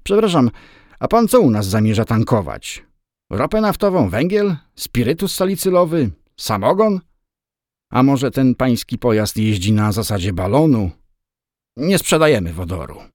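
A man's voice: mid-range voice, sing-song, normal speed, darkish tone, dry recording, studio quality, voice pushed up, close to an everyday voice. A man voicing a mocking male petrol station attendant who asks ironic, sneering questions.

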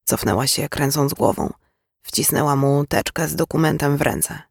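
A man narrating a novel as an audiobook, with a steady, even storytelling manner. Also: a little high, moderate pace, vocal fry, slightly rough, no echo, clean studio sound. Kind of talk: scripted narration.

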